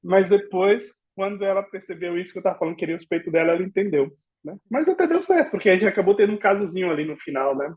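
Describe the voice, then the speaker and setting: A man's voice: high-pitched, fast, few pauses, highs cut off. A man with a Brazilian accent, a podcast guest casually telling stories and acting out the dialogue. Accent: Brazilian Portuguese. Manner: animated, acts out remembered dialogue with laughs and exclamations. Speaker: podcast guest, former au pair. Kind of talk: casual storytelling in a podcast interview.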